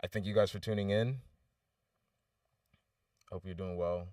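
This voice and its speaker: A deep-voiced man hosts a casual music review livestream. His talk is loose and rambling, full of restarts, and sounds set back from the microphone. The sound is dry and close to the walls, with no room echo. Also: fairly even intonation, unhurried, darkish tone, far from the mic.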